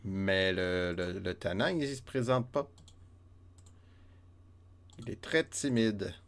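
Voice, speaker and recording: Man, Québécois French accent, game streamer, slow relaxed pace, mutters counts, casual chat with viewers. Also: low-pitched. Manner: counts steps under his breath, chats with viewers. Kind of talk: live let's play chat.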